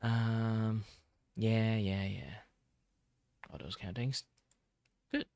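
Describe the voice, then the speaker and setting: Low-voiced man rambling on a casual livestream. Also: steady tone, creaky, darkish tone, smooth, dry recording. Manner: rambling, halting, self-deprecating. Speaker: livestreamer host, virtual video streamer.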